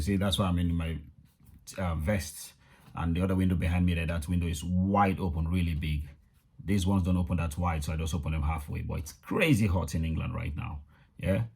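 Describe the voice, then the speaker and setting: Deep, husky man. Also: a little mellow. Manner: conversational, emphatic, repeats words for stress. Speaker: video channel host. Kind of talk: casual news update to viewers. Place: indoors in a room in London.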